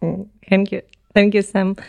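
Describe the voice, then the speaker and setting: A Ukrainian woman in her twenties, a native Ukrainian speaker, gives casual interview answers as a podcast guest. Her mid-range voice is smooth and even, a little slow, with plenty of ums, uhs, and non-native phrasing.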